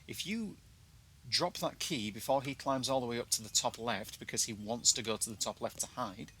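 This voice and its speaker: A man's voice: mid-range voice, normal speed, pushed and bright. A British man with glottal stops in place of his T's gives casual gameplay commentary in a chatty, self-deprecating way. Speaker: video game player giving a walkthrough. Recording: noticeable background noise.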